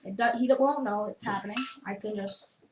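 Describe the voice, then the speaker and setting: A woman's voice: mid-range voice, fairly quick. A woman taking part in a tabletop game, making casual table talk as a player. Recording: echoey room, clearly noisy.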